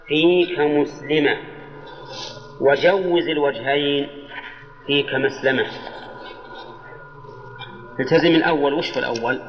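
An older male Islamic scholar teaches Arabic grammar in a classroom lesson, putting questions to his students and drawing out quoted examples in a measured way. His voice sits on the high side. The old lecture tape is dull, with a little hiss or hum and the reverberation of a large hall.

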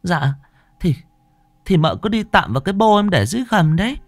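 A man's voice: high voice, sing-song, brisk, no room sound, pitched above the performer's own voice, exaggerated voice. A man putting on a timid, stammering young maid. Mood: flustered. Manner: stammering, pleading.

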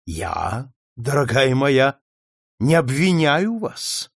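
A man's voice: medium pitch, big pitch swings, very slow, vocal fry, no echo, clean studio sound, full character voice. A man voicing a haughty, jealous noblewoman who mocks her rival in a sneering tone. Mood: scornful mocking. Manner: sneering, mocking.

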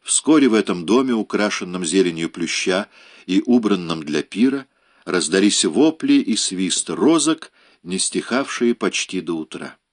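Low-voiced man narrating an audiobook. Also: animated, measured pace. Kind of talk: scripted narration.

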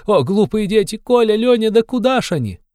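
A man reading an audiobook, voicing a frantic widowed mother who wails in shrill cries. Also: brisk, darkish tone, no echo, studio quality, lightly acted.

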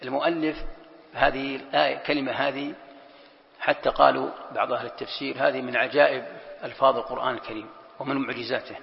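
A man's voice: medium pitch, little pitch movement, quick pace, creaky, big-room sound, highs cut off. A man teaching a Quran commentary lesson, explaining step by step and repeating key phrases.

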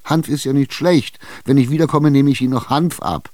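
A man's voice: medium pitch, a little fast, a little mellow, no room sound, pitched above the performer's own voice, natural voice. A man playing a pushy, exasperated schemer. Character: impatient, scheming middle-aged male buyer. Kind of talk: radio drama reading.

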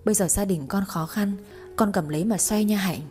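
A woman voicing a gentle, caring older mother in a storybook reading. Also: medium pitch, a little fast, soft background music, lightly acted.

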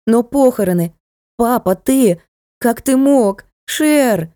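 A woman voicing a shrill, furious young noblewoman. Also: measured pace, no room sound, studio quality, lightly acted. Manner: shrill, high and shouting.

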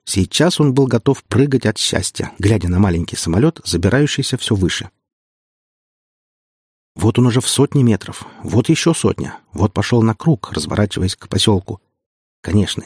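A man narrating an audiobook in a steady storytelling manner. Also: fairly low pitch, fairly quick, slightly rough, no room sound, clean studio sound. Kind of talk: scripted narration.

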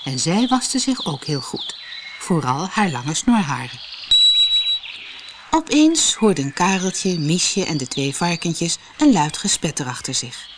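A woman reading a children's storybook aloud in an expressive, sing-song way. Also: fairly low pitch, takes it slowly, noisy background. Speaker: audiobook reader. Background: music.

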